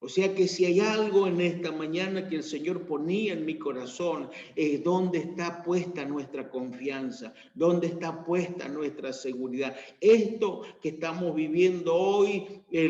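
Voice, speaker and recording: A man with an Argentine accent preaching a sermon, rising to emphatic peaks and then dropping low. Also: measured pace, hardly any pauses, a little mellow. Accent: Argentine Spanish. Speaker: pastor. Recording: echoey church room, dull lo-fi sound.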